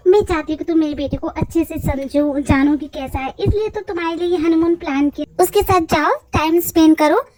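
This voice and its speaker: A woman voicing a middle-aged aunt who gently persuades and reassures. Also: extremely high pitch, brisk, hardly any pauses. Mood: coaxing. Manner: persuasive, soothing. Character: coaxing middle-aged aunt, mother's friend.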